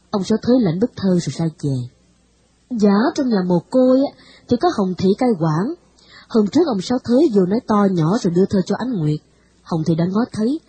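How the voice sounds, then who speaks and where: A woman reading a novel aloud with expressive storytelling. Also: mid-range voice, slightly rough, dry recording, low-quality recording. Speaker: narrator. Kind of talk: audiobook narration of a novel.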